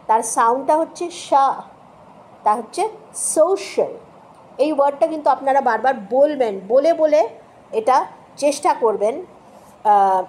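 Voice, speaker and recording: A high-pitched woman gives a patient pronunciation lesson. She spells words out, repeats each sound several times and keeps checking that her listeners understand. A faint hiss sits under the voice. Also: darkish tone. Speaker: English pronunciation teacher.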